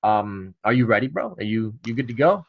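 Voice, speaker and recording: A male podcast host in a relaxed interview. His voice sits at a middle pitch. He talks in a friendly, joking way and often stumbles over repeated words. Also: fairly quick, lo-fi sound. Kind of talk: casual interview chat.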